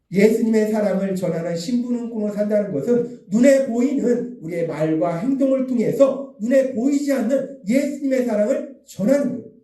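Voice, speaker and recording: A man's voice: high-pitched, mellow. A man preaching a Sunday sermon, emphatic, repeating key phrases and acting out the lines he quotes. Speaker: pastor. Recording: echoey room, voice from a distance.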